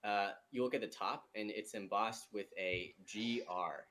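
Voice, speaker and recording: A man's voice: on the low side, a little slow, a bit bright. A man narrating a tabletop game off the cuff as game master, in a casual way.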